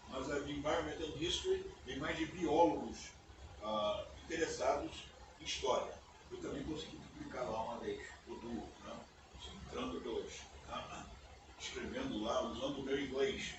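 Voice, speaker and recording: An older American man, a native English speaker with a slightly high voice, gives a relaxed guest lecture at a conference in a university auditorium. He's conversational, keeps checking in with listeners and often ends phrases with "né?". The distant mic picks up echo and background noise.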